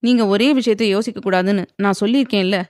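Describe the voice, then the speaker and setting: A woman's voice: medium pitch, fast talker, a little mellow, no room sound, studio quality, lightly acted. A woman voicing a determined young heroine who speaks firmly and earnestly. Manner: firm, earnest.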